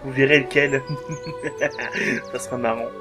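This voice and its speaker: A man's voice: medium pitch, flat delivery, measured pace, music in the background. A man giving casual let's-play commentary over a game, jokey and crude, swearing often and humming along.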